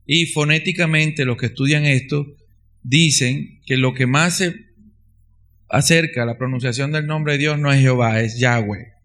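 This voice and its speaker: A man's voice: a little high, moderate pace, fairly bright tone. A man preaching a sermon, earnest and emphatic, repeating key phrases for stress.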